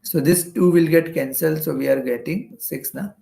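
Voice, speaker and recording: An Indian-accented physics lecturer works through exam-prep problems step by step, often repeating phrases and asking "okay." His voice is fairly high yet dark in tone, with vocal fry, at a normal speed. The room gives a roomy echo.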